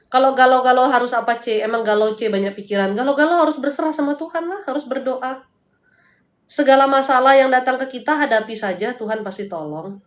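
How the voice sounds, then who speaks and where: A woman from hosting a live spiritual consultation, blunt and chatty, mixing preaching with slangy asides. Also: mid-range voice. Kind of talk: casual livestream talk, answering viewers. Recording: echoey room.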